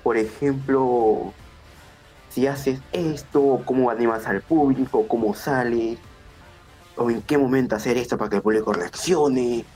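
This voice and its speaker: A young man, a wrestler chatting in an interview, excitable and rambling. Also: medium pitch, a little slow, soft background music. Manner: excitable, acts out quotes, rambling restarts. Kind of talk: casual interview.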